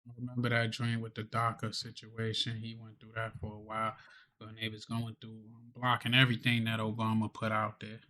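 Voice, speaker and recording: Male co-host chatting casually, relaxed and conversational, uses slang. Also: on the low side, brisk. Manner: laid-back and conversational, with slang. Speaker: podcast co-host. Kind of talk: casual chat.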